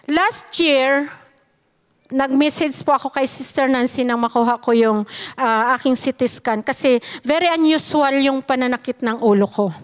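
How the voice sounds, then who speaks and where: Filipino lady sharing her testimony at church, high voice, earnest and emphatic. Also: normal speed, clean tone. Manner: earnest, emphatic, often addressing listeners as brothers and sisters. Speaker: church member giving testimony. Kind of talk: personal testimony to a congregation.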